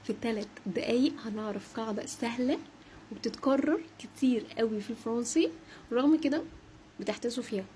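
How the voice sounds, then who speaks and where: A young woman with an Egyptian Arabic accent giving a brisk short French lesson, saying each example word slowly and repeating it. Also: on the high side, warm tone, a little hiss or hum. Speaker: French teacher. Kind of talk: short social media language lesson.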